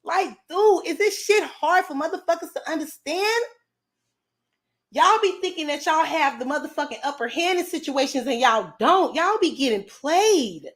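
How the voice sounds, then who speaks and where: A woman's voice: high voice, lively intonation, normal speed, a bit bright. A woman hosting a livestream, talking casually and confrontationally, brash and profane as she answers comments from her chat. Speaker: livestream host.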